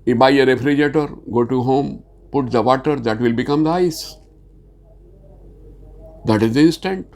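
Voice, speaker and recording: A man with a medium-pitched, darkish voice and Hindi-accented Indian English, originally from Bihar, leads an insurance training presentation. His pace is slow and uncertain, peppered with "uh," though he rises in pitch to stress what matters.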